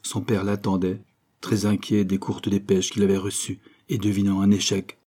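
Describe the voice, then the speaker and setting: A man reading a novel aloud in steady, measured narration. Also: fairly low pitch, breathy edge. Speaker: audiobook reader.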